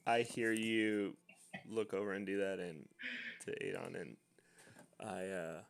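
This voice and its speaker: Deep, gravelly male player. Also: little pitch movement. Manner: halting, with hesitant fillers. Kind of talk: casual game chat.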